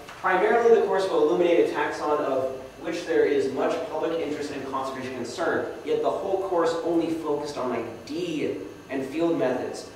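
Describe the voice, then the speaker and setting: A young man giving a casual slideshow talk to a club, self-deprecating and asking the audience questions. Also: fairly high pitch. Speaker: guest speaker. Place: meeting hall. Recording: echoey hall, speaker far from the mic, faint noise.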